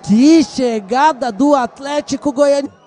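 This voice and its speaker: Brazilian man, explosive high-pitched goal commentary. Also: slight background noise. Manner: explosive goal commentary, shouted drawn-out calls. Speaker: football match commentator. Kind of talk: live football play-by-play commentary.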